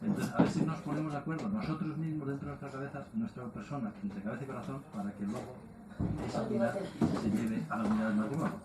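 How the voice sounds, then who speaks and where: A man's voice: mid-range voice, quick pace, echoey room, heavy background noise. A man giving a lecture, tossing in rhetorical questions and tag words as he explains. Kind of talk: public lecture.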